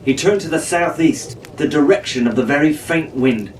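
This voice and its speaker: A man with a fairly high voice reads a children's pirate novel at a normal speed, performing it theatrically and in character like a storybook reader. The mic is distant in a roomy space, with faint noise.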